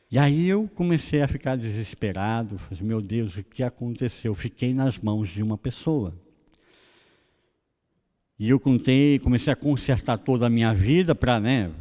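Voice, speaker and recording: A middle-aged Brazilian man with a Brazilian Portuguese accent, preaching a sermon and telling a personal story, acting out the dialogue in different voices. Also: medium pitch. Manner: animated, acts out dialogue in voices. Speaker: pastor. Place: church hall. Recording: reverberant church hall.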